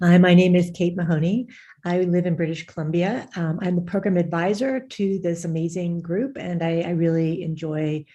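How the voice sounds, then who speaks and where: Low, mellow woman with a dull sound. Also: fairly even intonation, normal speed. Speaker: program advisor.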